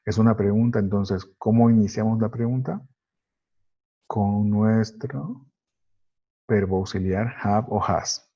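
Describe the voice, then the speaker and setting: A man whose first language is Spanish leads a grammar lesson, walking through each sentence slowly and methodically. His voice is low, mellow and a little husky. The recording sounds dull and lo-fi. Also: steady tone. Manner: slow, methodical, explains step by step. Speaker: English teacher.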